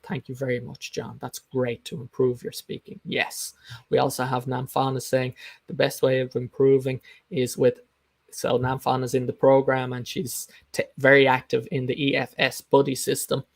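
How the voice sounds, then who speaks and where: Man, lowish pitch, creaky edge, dry sound, speaking coach, informal live lesson, emphatic, instructive, repeats key points. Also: no room sound. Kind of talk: informal live teaching talk, explaining and answering comments.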